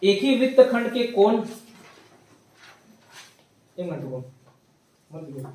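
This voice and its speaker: A man teaching a maths class, slowly dictating theorems and repeating each phrase for students to write down. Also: sits high, sing-song, a little mellow. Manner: slow repeated dictation, mixing Hindi with English terms. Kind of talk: classroom lecture, dictating notes. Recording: echoey room, voice from a distance.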